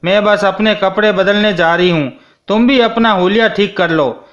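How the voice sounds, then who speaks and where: A man's voice: high-pitched, normal speed, fairly bright tone. A man voicing an elderly woman servant who is affectionate and insistent, in a read-aloud storybook. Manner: doting, insistent. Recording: dull lo-fi sound.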